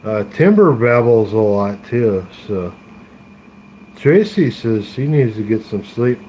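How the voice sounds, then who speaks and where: A man's voice: fairly low pitch, lively intonation, slow pace, darkish tone, muffled recording, slight background noise. A man rambling casually to his livestream chat, full of fillers and restarts. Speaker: live streamer. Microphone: tablet streaming via phone hotspot.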